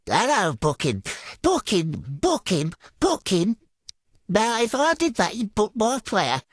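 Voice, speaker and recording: A foul-mouthed, exasperated British gamer narrates his own football game play through a trickster filter that alters his pitch. His voice swoops wildly, slow and a bit bright, captured as clean studio sound with no room noise.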